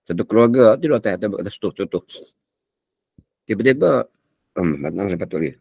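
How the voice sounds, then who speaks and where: A man's voice: on the low side, expressive, a little fast, creaky, dark tone, slightly rough, no room sound, studio quality. Older Malaysian man coughing through a lecture. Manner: chatty and digressive, breaks into Arabic recitation. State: coughing often. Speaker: religious teacher. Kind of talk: morning religious lecture.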